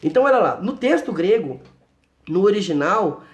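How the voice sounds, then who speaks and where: A man with a fairly high, very animated voice teaches the Bible live. He explains word meanings patiently, reads verses aloud and keeps checking that his listeners are following along. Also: moderate pace. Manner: reads from the Bible and answers viewer comments.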